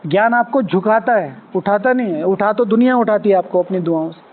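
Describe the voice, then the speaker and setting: A man with a high, light voice leads a spiritual class, speaking conversationally and checking in with his listeners. He acts out small everyday scenes to make his points. The sound is thin and tinny, like a phone line. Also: brisk. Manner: conversational, asks the audience, acts out little quoted scenes. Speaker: spiritual teacher.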